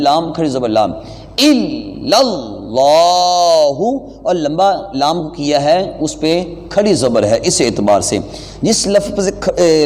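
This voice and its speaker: A man teaching an online lesson, patiently explaining pronunciation and reciting slowly and deliberately. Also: a little high, darkish tone. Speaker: religious teacher. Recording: long hall reverb.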